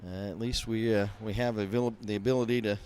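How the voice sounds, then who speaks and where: A man calling a high school hockey game play by play, folksy and rambling with lots of fillers, from behind glass up in a rink mezzanine. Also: steady tone, brisk, a little mellow, slight background noise. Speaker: play-by-play announcer. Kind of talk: amateur hockey play-by-play commentary.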